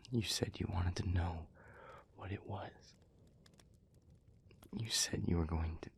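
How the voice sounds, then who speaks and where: Sounding low, husky and breathy, a man plays a protective demon begging a past lover in an intimate audio roleplay, full of anguish and dawning dread. He stumbles and stammers in his earnestness, with an exaggerated delivery. A little hiss or hum sits under the recording.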